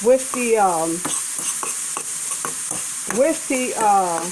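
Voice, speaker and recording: A woman talks her viewers through a vegan breakfast in her home kitchen, rambling and correcting herself as she goes. Her voice sits a little high. A pan sizzles clearly under her words. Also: lively intonation, drawn-out words, noisy background. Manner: chatty, rambling, self-correcting. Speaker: vlogger cooking a vegan breakfast. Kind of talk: casual cooking demonstration. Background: food sizzling in a pan.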